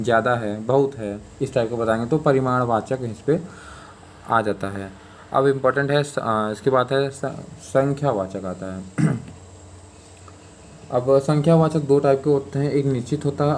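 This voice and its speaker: A man teaches a grammar lesson for exam students at a mid pitch, explaining informally and repeating himself. He keeps checking in with his listeners and fills his pauses. A faint noise sits under the recording. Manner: informal, repetitive explaining with many fillers and "ठीक है".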